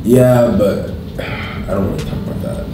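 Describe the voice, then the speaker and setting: Man, late 20s, low register, rambling casual chat, recorded in a very echoey room at some distance. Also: moderate pace, background noise. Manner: rambling, repeats himself. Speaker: fitness YouTuber answering questions. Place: indoor room at a dining table. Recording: echoey room, off the mic, music behind.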